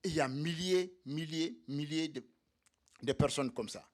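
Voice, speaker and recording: A man's voice: fairly high pitch, normal speed. A man giving a militant speech to comrades at a solidarity evening, speaking for undocumented migrants and repeating his points to rally the room. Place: meeting hall.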